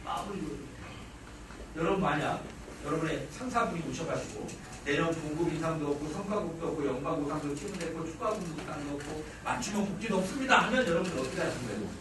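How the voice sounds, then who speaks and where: A man in his forties giving a lively parenting lecture to an audience, acting out family dialogue and joking with the room. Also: a little high, fast talker. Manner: animated, acts out family dialogue, jokes with the audience. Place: lecture hall. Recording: echoey hall, distant mic, noisy.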